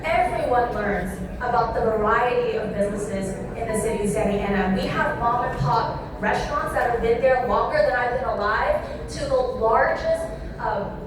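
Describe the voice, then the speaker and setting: A woman's voice: on the high side, moderate pace. Upbeat woman on an echoey panel. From born in Thailand, raised in Southern California. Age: 30s. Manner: upbeat, eager, talks through lists. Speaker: city council member. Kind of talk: panel discussion remarks. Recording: echoey hall, distant mic, crowd noise.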